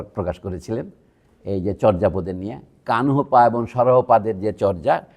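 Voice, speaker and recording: A man's voice: mid-range voice, a little mellow. Man giving a digressive public lecture. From Bangladesh. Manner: digressive, conversational, with asides to the audience. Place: university museum hall.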